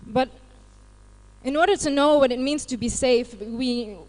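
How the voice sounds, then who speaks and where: Speaking at a measured pace in a high, slightly mellow voice, this IT support advisor from Los Angeles, California, has an American accent. She's leading a live workshop and engages the room by asking the audience questions.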